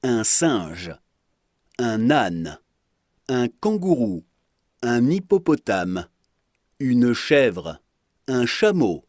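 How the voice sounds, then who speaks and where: A man's voice: medium pitch, very animated, very slow, long pauses, a little mellow, no echo, studio quality. A man narrating a French lesson, reading example phrases aloud with careful pronunciation. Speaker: French teacher. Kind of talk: slow scripted lesson narration.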